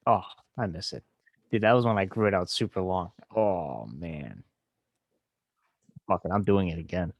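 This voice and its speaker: A man with a low, gravelly voice hosts a podcast and reacts to his show's old episodes. He talks casually and bluntly and pokes fun at himself. The sound is close and dry. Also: moderate pace, long pauses, no echo, lo-fi sound. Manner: blunt, laid-back and self-mocking. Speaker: podcast host.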